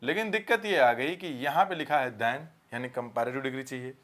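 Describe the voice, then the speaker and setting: A man's voice: mid-range voice, a bit bright. Hindi-speaking male grammar teacher. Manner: explains in Hindi mixed with English, reads examples slowly. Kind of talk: exam-prep grammar lesson.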